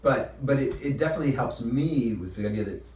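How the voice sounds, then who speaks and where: A man, a stage actor, talking casually about his craft, thinking aloud in an animated way. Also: mid-range voice, fairly quick. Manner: animated, thinking aloud, illustrating with acted-out lines. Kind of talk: casual discussion of acting. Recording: echoey room, distant mic, faint noise.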